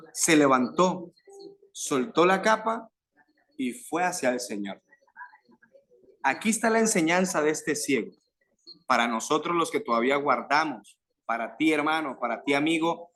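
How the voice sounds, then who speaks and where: A man with a Venezuelan Spanish accent preaches a fervent sermon to a youth group, using rising, emphatic phrases and pauses. His voice is a little high and a bit bright.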